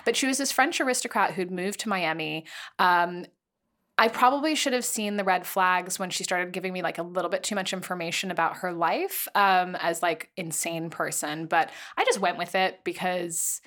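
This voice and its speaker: A woman's voice: lowish voice, normal speed, a bit bright. A woman in her thirties telling candid stories in casual chat, full of "like", swearing freely and acting out quotes. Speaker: podcast guest storyteller. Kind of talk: casual chat, anecdotal storytelling.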